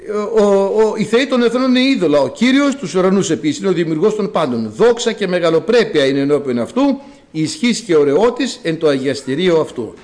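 A man preaching a sermon as a priest, with dramatic rises and drawn-out words. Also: high-pitched, very animated, a little mellow.

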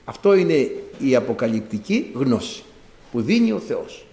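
A man preaching a sermon, retelling a Bible story in an animated way and acting out the characters' words. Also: medium pitch. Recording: echoey room.

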